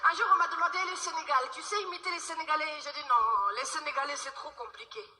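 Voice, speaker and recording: A woman from the Paris suburbs performing lively, teasing stand-up comedy on a live stage. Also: high voice, quick pace, roomy sound, background noise. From France, Paris suburbs. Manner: lively, teasing, talking to the crowd.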